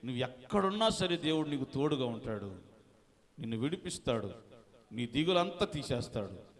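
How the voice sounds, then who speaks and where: A man's voice: mid-range voice, very animated, normal speed. A man preaching a sermon as a pastor, calling on the congregation to answer and mixing in English words. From India. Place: church hall. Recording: long hall reverb.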